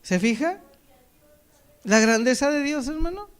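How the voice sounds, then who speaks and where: A man's voice: very high-pitched, animated. A man preaching a sermon, reading scripture aloud and then talking it over, often calling his listeners brother and asking "right?". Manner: addresses listeners as brother, tags lines with a questioning "right?"; reads quoted lines slowly and loudly, then drops to a soft, quiet tone.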